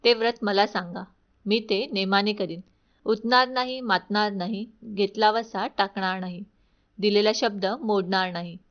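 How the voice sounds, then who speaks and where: A woman's voice: mid-range voice, fairly even intonation, a little slow, natural voice. A woman voicing a young palace maid who questions and talks curtly in a told story. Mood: earnest. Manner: brusque, questioning. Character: curt young woman servant at a palace door. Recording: dull lo-fi recording.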